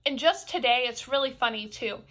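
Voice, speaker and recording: Young woman vlogging, high bright voice, chatty with lots of "like", finger resting on her lips. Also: a little fast. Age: 20s. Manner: chatty, many fillers and restarts. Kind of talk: casual vlog update.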